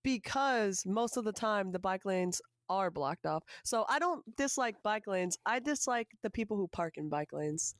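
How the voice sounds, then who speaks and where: A woman in her twenties co-hosting a casual podcast, animated and opinionated, swearing casually. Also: mid-range voice, normal speed, few pauses, dry recording, studio quality. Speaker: podcast co-host.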